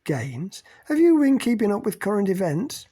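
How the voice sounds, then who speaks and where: A man's voice: on the high side, moderate pace, creaky, a little mellow, slightly rough. A man voicing Jessie, a blunt woman who jeers and mocks, in an audiobook. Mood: mocking. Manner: mocking, jeering. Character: jeering, blunt working woman.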